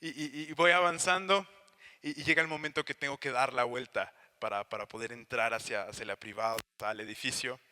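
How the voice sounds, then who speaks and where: A man's voice: mid-range voice, steady tone, fairly quick, bright, forceful tone, in a large hall. A young man with a Mexican accent preaching a sermon, telling a personal story with acted-out voices and sound effects. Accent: Mexican Spanish. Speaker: pastor.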